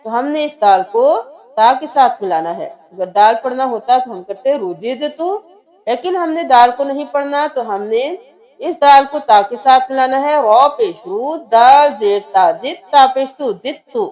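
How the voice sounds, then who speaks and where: High-voiced woman teaching slow recitation. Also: lively intonation, a little mellow. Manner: patient, repeats words slowly with drawn-out chanting. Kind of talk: tajweed lesson, spelling out letters and slowly chanting words.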